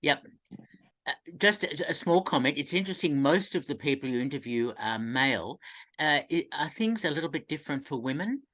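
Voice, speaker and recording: A man's voice: a little high, expressive, brisk, fairly bright tone. A man hosting a festival Q&A, who asks his questions hesitantly with many fillers before summing up. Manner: hesitant, with many uhs and ums, then sums things up. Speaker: interviewer. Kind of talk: festival Q&A interview.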